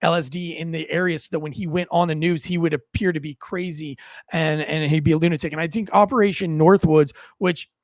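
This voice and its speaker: Hosting an online news show, a man offers viewers informal, unscripted commentary, speaking haltingly and often repeating words. His voice is on the high side with a steady tone, recorded in studio quality with no echo.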